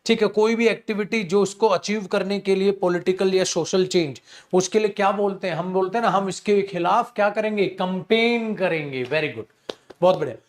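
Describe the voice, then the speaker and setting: A young man teaching an exam-prep class, asking his students questions and answering them himself, and reading English sentences slowly word by word. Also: high voice. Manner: addresses students as beta and mere dost, asks and answers his own questions. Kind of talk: online exam-prep lesson.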